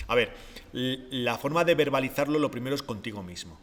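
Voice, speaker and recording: A man, explaining ideas step by step on a podcast in a calm, reflective way, often posing rhetorical questions. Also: mid-range voice, fairly quick, big-room sound. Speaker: podcast co-host, behavior expert.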